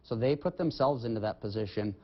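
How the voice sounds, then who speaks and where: Male police officer in a TV interview, steady and official; dull audio. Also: medium pitch, fairly quick. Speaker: highway patrol lieutenant. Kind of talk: remote TV interview.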